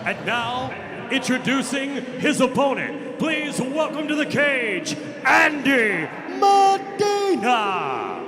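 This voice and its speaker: A man working as a live ring announcer in a showman-like ringmaster style, with booming shouts and drawn-out words. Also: sing-song, music in the background. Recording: loud crowd behind, live event. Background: crowd noise.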